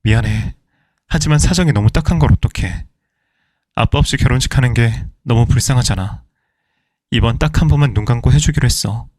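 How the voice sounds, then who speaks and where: A man's voice: mid-range voice, fairly quick, a little mellow, no echo, clean studio sound, close to an everyday voice. A man playing an evasive middle-aged husband who pleads and placates his angry wife. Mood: placating.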